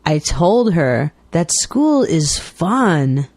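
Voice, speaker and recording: Woman, lower voice, very slow and carefully enunciated, bouncy intonation, dry close recording; scripted learner dialogues. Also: sing-song, darkish tone, dry recording. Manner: clear, deliberate enunciation. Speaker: dialogue reader for English learners.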